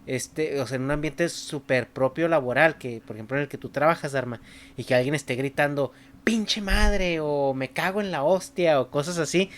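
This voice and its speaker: A man talking casually on a podcast, relaxed and joking. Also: mid-range voice, a little fast. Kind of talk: casual chat.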